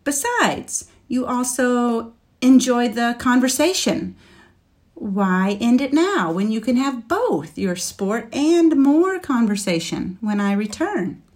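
A woman's voice: very animated, takes it slowly, a little mellow. A woman reading the part of a young male knight, speaking earnestly and persuasively in a raised voice. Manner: earnest, pleading, raised pitch. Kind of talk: storybook reading.

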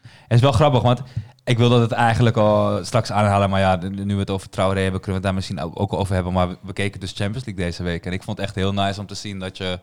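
Young man, podcast host, easygoing slangy banter, low smooth voice. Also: fast talker, few pauses. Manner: relaxed, slangy, peppered with "nice" and "man". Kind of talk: casual football podcast chat.

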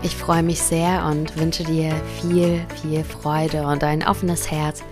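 A woman hosting a mindfulness podcast, reading a short story aloud in a soft, heartfelt manner. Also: low voice, level tone, takes it slowly, faint music behind. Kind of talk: calm storytelling narration.

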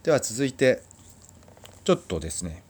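A man's voice: mid-range voice, big pitch swings, moderate pace, darkish tone, husky. A man teaching a language lesson, explaining patiently and drilling sounds for listeners to repeat. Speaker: Spanish teacher.

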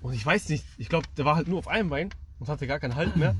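A man's voice: on the high side, quick pace, noisy background. A young man co-hosting a podcast, telling a story in casual slang and acting out the voices of the people in it. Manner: slangy, animated, acts out voices in his story. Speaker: podcast co-host.

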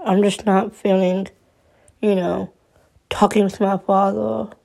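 In a personal monologue, a woman in her twenties talks through her troubles, halting and subdued, often restarting and repeating her words. Her mid-range voice has a level tone, a dark quality, and vocal fry.

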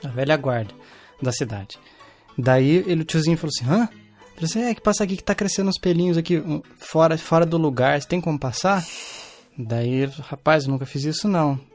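A man's voice: a little high, animated, fast talker, darkish tone, soft background music. A young man in casual chat, telling an anecdote with slangy fillers.

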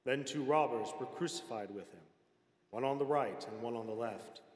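A man reads scripture aloud in a solemn, measured way, never hurrying. His voice sits at an ordinary middle pitch. It rings through a large hall, trailing a long reverb. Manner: measured, unhurried reading. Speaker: scripture reader. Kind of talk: solemn public scripture reading.

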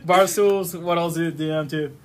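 Halting, slightly high-voiced man. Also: fairly even intonation. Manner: halting, with restarts, laughs along. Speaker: podcast co-host. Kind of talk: casual podcast chat.

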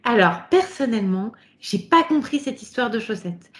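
Woman podcast co-host, high-ish voice, lively and giggly, casual chat. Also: moderate pace. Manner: lively, laughs often, many fillers and asides. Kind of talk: casual chat about a book chapter.

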